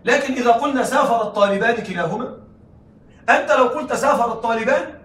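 Male lecturer, rapid and high-voiced, keeps asking the class if they follow; roomy sound from a mic set back. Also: fairly bright tone, a little hiss or hum. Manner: checks in with the class, frequent laughing asides. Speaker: teacher. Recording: echoey room, mic at a distance.

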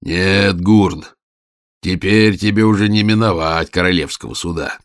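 A man playing a cruel male overseer who speaks in a gruff, slow, threatening way. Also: low-pitched, dry recording, clean studio sound. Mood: menacing.

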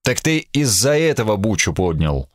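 A man's voice: fairly low pitch, sing-song, moderate pace, no echo, studio quality. A man voicing a defiant ship captain who speaks with open sarcasm. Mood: sarcastic. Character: mocking, unbowed male ship captain.

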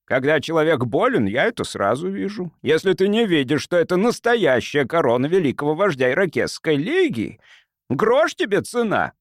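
A man voicing a genial, crafty doctor who bargains in a soft, sugary, unhurried voice for an audiobook. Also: on the high side, big pitch swings, no room sound, clean studio sound, voice pushed up. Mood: sly, coaxing.

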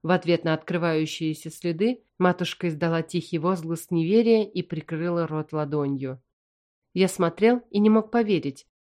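A woman narrating a fantasy novel in first person with an even, measured reading. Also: sits low. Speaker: audiobook narrator.

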